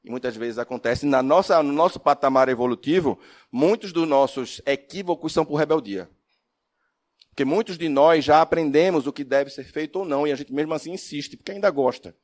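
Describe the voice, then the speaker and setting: Expressive lecturer, man. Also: a little high, a little fast. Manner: expressive storyteller, asks the audience questions, swings from loud to soft. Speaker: spiritist lecturer and university professor. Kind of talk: religious lecture.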